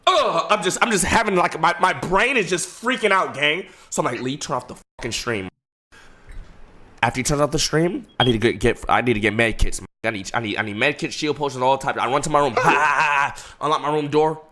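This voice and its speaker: A man's voice: a little high, quick pace, hardly any pauses, pushed and bright. A man telling a story in an emotional, casual way, stammering, repeating words and swearing.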